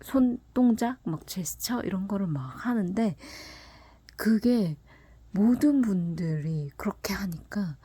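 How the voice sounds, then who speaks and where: A woman telling a personal story in a casual, soft, half-whispered way, often breaking into laughs. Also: medium pitch, lively intonation, slow, slightly rough, no room sound. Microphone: close mic, voice only.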